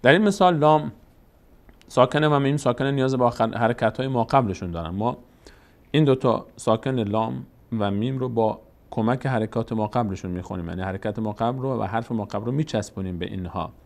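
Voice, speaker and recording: Male reading teacher at a middle pitch, patient and methodical, drawls each syllable slowly. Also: creaky. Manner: slow, drawn-out syllable-by-syllable demonstration; patient step-by-step explanation. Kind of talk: recorded reading lesson.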